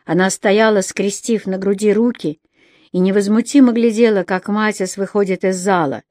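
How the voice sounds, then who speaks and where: A woman narrating a children's storybook with an expressive, dramatic reading. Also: mid-range voice, moderate pace, no room sound, studio quality. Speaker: audiobook narrator.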